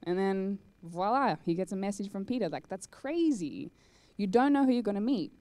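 Onstage in a cinema hall with a handheld microphone, a young conference speaker delivers a live talk followed by Q&A. She speaks at a normal speed in a mid-range voice, chatty and animated, peppering her speech with "like" and "um."

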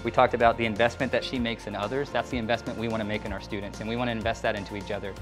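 Walking through classrooms and halls with a handheld microphone, a middle-aged school principal gives an upbeat, explanatory tour in a casual style. His voice is fairly low with little pitch movement, and he talks at a racing pace over background music.

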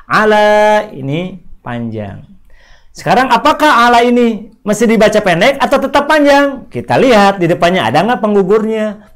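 A man teaching an online Quran reading lesson, asking questions, repeating points and slowly drawing out example words. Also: sits high. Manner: asks questions and answers them himself, repeats points; stretches words out slowly when demonstrating readings.

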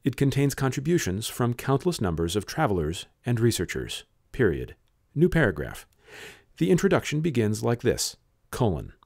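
A man's voice: moderate pace, gravelly, no room sound, clean studio sound. Man reading aloud, dictating punctuation. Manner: reads aloud, saying punctuation marks in a low flat drop. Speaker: reader.

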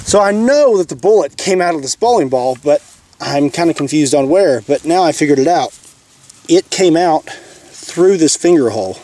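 This shooting channel host, a young man with a Kentucky accent, has a medium-pitched, darkish voice. He chats casually and plainly through an outdoor demo in an open field, easygoing and thinking aloud. A camera mic, at times from a distance, captures him with slight background noise.

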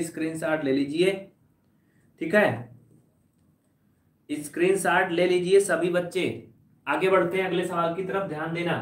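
A man teaching maths to a live online class in a roomy, echoing space, standing back from the mic. His voice sits fairly high for a man. He coaxes the children for answers and teases the latecomers and the quiet ones. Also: recorded from a distance. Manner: teasing, addresses students as children, coaxing answers.

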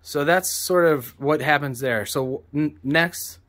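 A man in his forties, a songwriter and producer, talks through his process in a casual vlog, rambling, correcting himself, and speaking plainly. His voice is on the high side, a bit bright, and slow-paced. He's recorded on a phone held at arm's length in a small room.

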